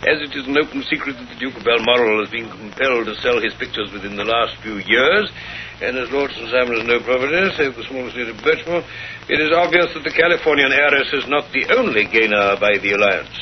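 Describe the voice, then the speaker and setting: An actor playing a mild, genteel doctor, speaking in a formal, understated way in a 1930s radio drama. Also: male voice, medium pitch, quick pace, lightly acted. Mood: measured, amused. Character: mild, genteel doctor, loyal companion to the detective. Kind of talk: 1930s radio drama acting, reading aloud. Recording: noisy, muffled 1930s radio recording.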